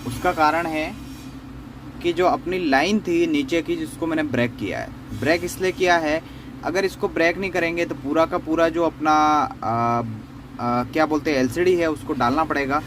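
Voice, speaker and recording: Against a noisy background, a man with a slightly high voice and normal speaking speed demonstrates a phone repair step by step. He hosts the tutorial unscripted, explaining in a conversational way and frequently repeating himself.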